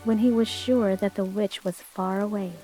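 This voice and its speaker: A woman telling a bedtime fairy tale in a soft, soothing narration. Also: mid-range voice, normal speed, rough recording. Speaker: storyteller. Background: soft calm music and rain.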